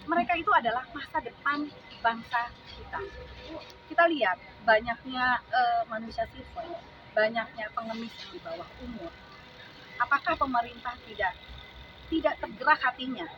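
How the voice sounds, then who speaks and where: A middle-aged woman speaks with a rather high voice, earnest and pleading, stumbling over fillers as she rallies a crowd. She is heard from a distance on a muffled, lo-fi recording. Clear outdoor noise and passing vehicles fill the background. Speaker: speaker at a supporters' gathering. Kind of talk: impassioned rally speech. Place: outdoors at a large public venue.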